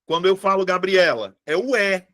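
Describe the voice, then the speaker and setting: A man teaches a live online class. His voice sits a little high for a man, and he keeps up a chatty, informal tone. He checks in with his viewers often as he talks. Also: normal speed, fairly bright tone. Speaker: online exam-prep teacher.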